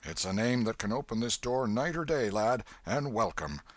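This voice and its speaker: A man's voice: mid-range voice, lively intonation, moderate pace, dry recording, close to an everyday voice. A man voicing a kindly, hearty old man in an audiobook, with a folksy, emphatic delivery. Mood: welcoming. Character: hearty, kindly old Welshman, hospitable father of grown sons. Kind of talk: audiobook character voice.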